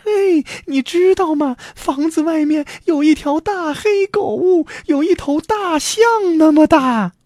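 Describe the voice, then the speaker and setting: A man voicing a frightened mother in a children's story, shrill and panicky. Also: slow pace, hardly any pauses, a little mellow, no echo, clean studio sound. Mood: alarmed.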